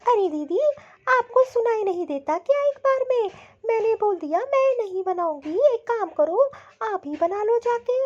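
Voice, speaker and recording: A woman's voice: extremely high pitch, lively intonation, moderate pace, a little mellow, highs cut off. A woman voicing a defiant young daughter-in-law in a cartoon, snappy and talking back. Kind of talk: cartoon voice acting.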